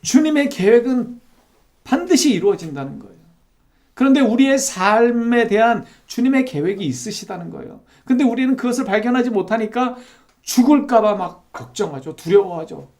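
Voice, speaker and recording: A man's voice: extremely high pitch, animated, normal speed, a little mellow. A male pastor preaching an expository sermon in a church, reading scripture aloud and asking the congregation questions. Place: church sanctuary.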